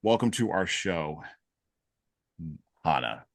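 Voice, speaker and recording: A man's voice: sits low, sing-song, slow pace, creaky, no room sound, clean studio sound. A man hosting a podcast interview, talking casually with many ums and restarts. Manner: rambling, with many fillers and restarts. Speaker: podcast host.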